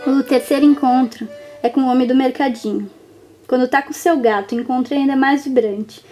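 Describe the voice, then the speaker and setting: A woman, gently narrating a reflective personal story in short, lingering phrases. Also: high voice, steady tone, brisk, soft background music.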